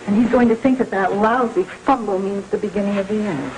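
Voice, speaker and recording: A woman's voice: medium pitch, fairly quick, a little mellow, close to an everyday voice, low-quality recording. A woman plays a loyal, worried wife in a 1980s TV soap. She talks earnestly and chattily in a mid-range voice. Faint hiss from an old TV recording sits behind her. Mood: anxious. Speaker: actress in a soap opera.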